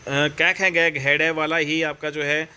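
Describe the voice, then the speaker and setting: Bright-voiced Indian man teaching Hindi grammar. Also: on the high side, level tone, measured pace, clean tone. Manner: chatty, repeats fillers, addresses viewers as friends and brother. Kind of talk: exam-prep grammar lesson.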